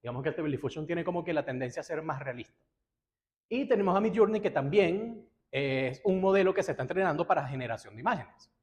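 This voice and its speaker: Young man, conference speaker, conversational storyteller, mid-high voice. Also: expressive, quick pace. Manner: casual storytelling with acted-out reactions. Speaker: guest lecturer. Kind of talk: conference talk to a live audience.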